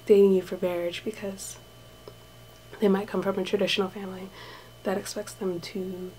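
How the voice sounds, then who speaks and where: A woman talking softly and half-whispering in a casual vlog, recorded in a small room with thin walls. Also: medium pitch, little pitch movement, moderate pace, a little hiss or hum, low-quality recording. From United States. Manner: talks softly and hushed, drifting into whispers. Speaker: vlogger, English teacher abroad.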